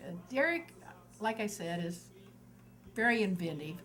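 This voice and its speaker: An older woman tells family anecdotes in a relaxed, chatty way. She laughs often and slips into the children's voices when quoting them. She sounds like a mother recalling her many kids. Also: medium pitch, measured pace, poor audio. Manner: lively, laughs often, acts out the kids' quoted voices. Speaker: mother of eleven telling family stories. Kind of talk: casual family storytelling.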